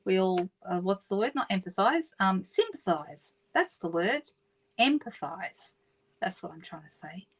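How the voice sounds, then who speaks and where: A woman's voice: mid-range voice, very animated, unhurried, husky, low-quality recording. Chatty Australian woman hosting a craft livestream. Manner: chatty, reads out viewer comments, self-correcting. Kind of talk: casual live craft demonstration.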